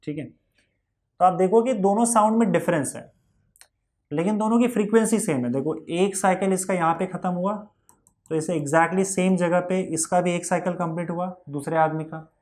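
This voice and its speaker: A man teaching a physics lesson in a patient way, repeating key points and asking whether the class has understood. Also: high-pitched.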